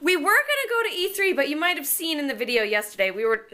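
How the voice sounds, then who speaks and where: A young woman vlogger in casual chat, excitable and quick to laugh, peppering her talk with "dude" and "like.". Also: high-pitched.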